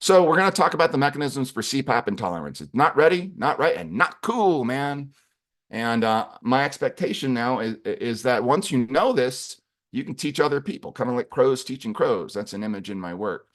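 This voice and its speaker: Animated man giving a lecture. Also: medium pitch, normal speed. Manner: animated, playful, acting out voices. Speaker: clinician presenter. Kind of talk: webinar lecture.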